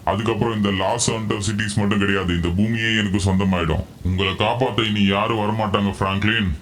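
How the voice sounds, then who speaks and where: A man voicing a threatening villain bent on conquest in a game role-play, speaking low and subdued. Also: flat delivery, fairly quick, a bit bright, a little hiss or hum, close to an everyday voice. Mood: menacing.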